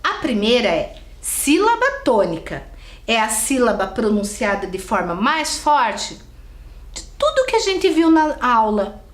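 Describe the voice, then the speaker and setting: Brazilian teacher lady, slow and sing-songy, echoey room. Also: a little high. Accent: Brazilian Portuguese. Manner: slow, lively, coaxing questions to pupils. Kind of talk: recorded video lesson for children.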